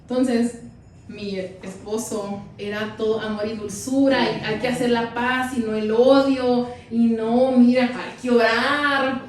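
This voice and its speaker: A woman's voice: on the high side, fairly even intonation, takes it slowly, heavy reverb, recorded from a distance, slight background noise, poor audio. A woman pastor preaching a sermon and telling her own story with acted quotes. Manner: testimony told with acted quotes.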